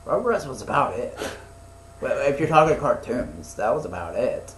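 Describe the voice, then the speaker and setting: A man in his twenties co-hosts a podcast in casual chat, his medium-pitched voice very animated at a moderate pace. He rambles, swears a bit, and uses lots of fillers. The room is echoey with faint noise.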